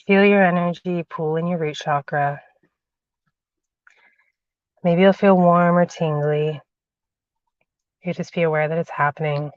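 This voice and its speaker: A woman with a lowish, steady voice talks slowly and often pauses as she hosts a spiritual livestream on her phone from a parked car. The spiritual channeler chats casually, calls viewers darling and sweetheart, then leads a guided meditation while getting over a cold, a cough drop in her mouth. The phone audio is dull and lo-fi, with no echo.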